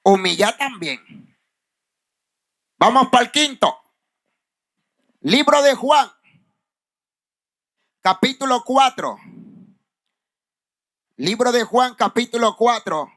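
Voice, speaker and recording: A man's voice: very high voice, animated, slow pace, pauses often, a bit bright. A man preaching a fervent Pentecostal sermon, calling the congregation brother and reading scripture aloud. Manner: fervent, addresses congregation as hermano.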